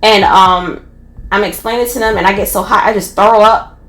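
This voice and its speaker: A woman with a Philadelphia accent tells a personal story in a casual podcast, animated and full of restarts. Her voice sits in the middle of the female range. The room around her is noticeably echoey. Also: mid-range voice, normal speed. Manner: animated retelling with many restarts and laughs.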